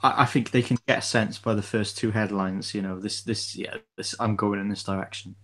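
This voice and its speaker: A man's voice: lowish voice, fairly even intonation, fairly quick, fairly bright tone. A man co-hosting a podcast in casual chat, hesitant, with many fillers and restarts. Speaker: podcast co-host.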